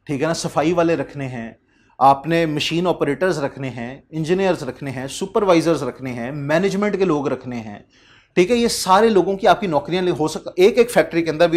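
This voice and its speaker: A man in his thirties from Pakistan, giving an accountancy lecture in a conversational way, reading English passages slowly and asking the class rhetorical questions. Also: a little high.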